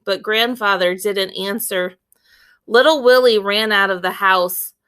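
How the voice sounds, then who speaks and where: A woman with a medium-pitched voice reads a children's book aloud, storytelling expressively with deliberate, clear phrasing.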